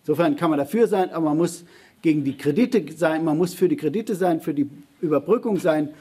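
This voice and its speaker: Husky, emphatic man in a public debate. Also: on the high side, brisk, warm tone. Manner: emphatic, hesitant with many fillers and restarts. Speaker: panel speaker answering audience questions.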